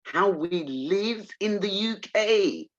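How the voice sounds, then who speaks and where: A man's voice: sits high, lively intonation, takes it slowly, a bit bright, lo-fi sound. Indignant man co-hosting. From Barbados. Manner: indignant, emphatic, rhetorical questions. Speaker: show co-host. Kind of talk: casual reaction chat.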